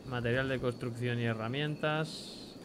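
A man's voice: medium pitch, steady tone, unhurried, noisy background. A young man with a Spain Spanish accent giving chatty let's play commentary, swearing casually and reading item names aloud. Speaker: gameplay commentator.

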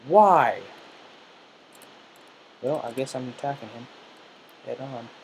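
A man's voice: mid-range voice, normal speed, low-quality recording. A teenage boy talking through his own video game session, jittery and nervous, muttering to himself as he plays. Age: teens. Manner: nervous, jittery self-talk while playing. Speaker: gamer. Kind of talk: let's play commentary. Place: room in a family home. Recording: steady background hiss.

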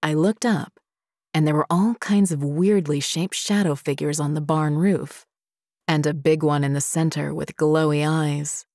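Low-voiced woman narrating scary stories. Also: steady tone, measured pace, a little mellow, dry recording, studio quality.

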